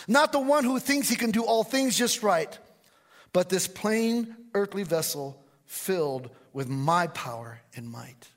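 A kind master who chooses the broken clay vessel and speaks to it tenderly, as a preacher reads him. The voice is high, slow and deliberate. It is read as a parable poem. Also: male voice. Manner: gentle, warm, deliberate.

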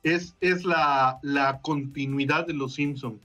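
A man's voice: a little high, steady tone, pushed and bright. Man chatting a bit off-mic. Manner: quick, rambling, laughs often. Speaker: podcast co-host. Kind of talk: casual chat among friends. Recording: distant from the mic, faint music behind.

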